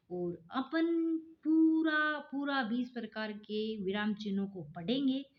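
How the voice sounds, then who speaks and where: A woman's voice: a little high, dull audio. A woman teaching an online grammar lesson. She talks chattily, calls her viewers "guys" and repeats key points back as quiz questions.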